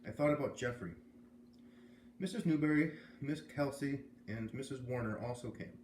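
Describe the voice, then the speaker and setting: This storyteller is an American man with a mid-range, slightly mellow voice, moving at a normal speed. He's reading a children's novel aloud and breaking off for casual asides. There's a roomy echo and a little background noise.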